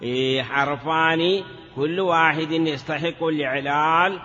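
A man's voice: fairly high pitch, unhurried, bright, forceful tone, big-room sound, lo-fi sound, faint music behind. A man teaching a grammar lesson in a classroom, asking questions and answering them himself, sometimes drawing words out in a chanting lilt. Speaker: teacher of Arabic morphology. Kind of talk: classroom lecture.

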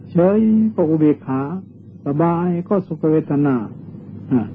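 An older Thai Buddhist monk giving a dharma sermon on meditation, teaching patiently and repeating meditation chants. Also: male voice, fairly high pitch. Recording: tinny old lo-fi tape with faint hiss.

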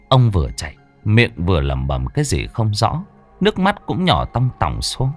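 A man narrating a rural ghost story in a dramatic storytelling manner. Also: lowish voice.

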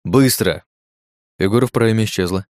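A man's voice: fairly low pitch, fast talker, darkish tone, no room sound, studio quality. A man reading a first-person audiobook in tense, gritty scripted narration.

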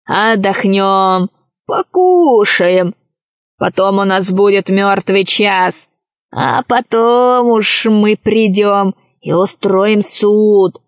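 A woman doing a gruff, menacing pirate. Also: mid-range voice, extremely slow, no echo, muffled recording. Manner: threatening and bossy. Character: gruff, scheming male pirate.

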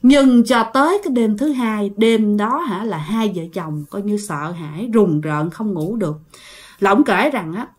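A woman telling a ghost story, speaking straight to her listeners. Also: medium pitch. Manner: animated, addresses listeners directly.

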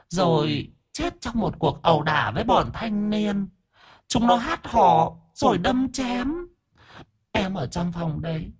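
A man voicing a whiny, sharp-tongued bald male ghost who speaks in a plaintive, sniffling way. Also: sits high, slightly rough, voice pushed up, heavily acted.

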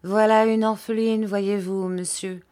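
A woman's voice: mid-range voice, little pitch movement, unhurried, darkish tone, voice pushed up, natural voice. Woman voicing a hearty old fisherman.

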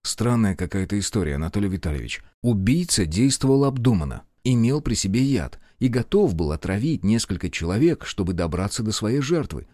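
Man voicing a skeptical investigator, low, measured, persistent, dry. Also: very animated, warm tone, no echo. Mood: probing. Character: calm male investigator, probing and skeptical.

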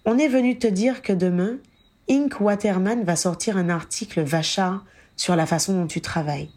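A woman's voice: mid-range voice, moderate pace, darkish tone, close to an everyday voice. A woman reading the lines of Lee, a blunt, matter-of-fact man who works as a journalist, in an audiobook.

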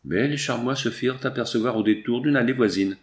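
A man narrating a nineteenth-century novel as an audiobook, in a measured, expressive reading. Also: mid-range voice.

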